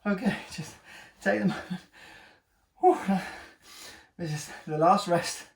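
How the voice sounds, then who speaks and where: Out of breath guy trainer coaching an ab workout, kinda high voice, jokey, echoey room mic a bit far off. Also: takes it slowly, creaky. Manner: encouraging, joking, breathing hard between exercises. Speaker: personal trainer. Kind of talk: talking through a home workout.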